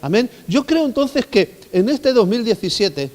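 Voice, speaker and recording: A man's voice: high voice, big pitch swings, unhurried, a little mellow. A man preaching a sermon as pastor, emphatic and dynamic, often asking the congregation questions. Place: church hall. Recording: long hall reverb.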